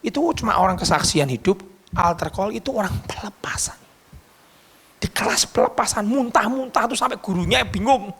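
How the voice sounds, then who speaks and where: A man preaching a sermon as pastor, telling stories in an animated, emphatic way. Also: sits high, moderate pace, slightly rough.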